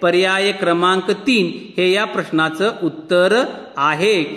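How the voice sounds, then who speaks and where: A man's voice: high-pitched, slow, pushed and bright. A man with a Marathi accent teaching an exam-prep lesson, patiently asking questions and answering them himself. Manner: patient, asks and answers his own questions. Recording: echoey room with long reverb.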